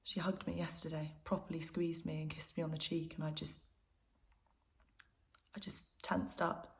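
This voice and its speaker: A young woman with a lowish, fairly quick, everyday-sounding voice performs a monologue she wrote herself. Playing a troubled granddaughter confiding in her mother, she keeps it intimate and conversational, her mood sad and subdued.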